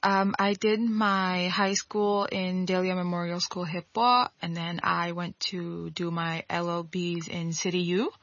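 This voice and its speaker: A woman in her twenties from Hong Kong, a guest on an interview show, chatting in a relaxed way with small laughs. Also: lowish voice, a little slow, few pauses, dry recording. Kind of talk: casual interview talk. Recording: dry, dull lo-fi audio.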